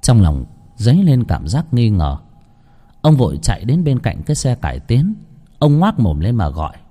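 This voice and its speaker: A man's voice: medium pitch, huge pitch swings, moderate pace, warm tone. Dramatic male ghost-story narrator.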